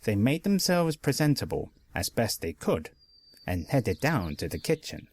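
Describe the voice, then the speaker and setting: A man narrating a pony fanfic story as a dramatic reading, expressive throughout. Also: medium pitch, measured pace.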